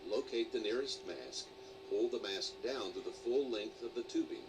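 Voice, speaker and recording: A man reading a pre-recorded cabin safety announcement in a formal, measured way, played back in a flight simulator. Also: lowish voice. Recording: distant, noisy game audio.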